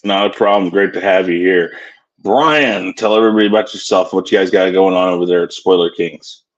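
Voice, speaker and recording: A man's voice: sits low, brisk, highs cut off. A man casually hosting an online round table, steering the chat between guests.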